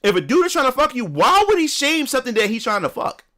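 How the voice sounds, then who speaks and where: A man's voice: very high-pitched, big pitch swings, fast, fairly bright tone. A man chatting casually on a live stream, ranting emphatically, swearing a lot and repeating words as he builds up steam.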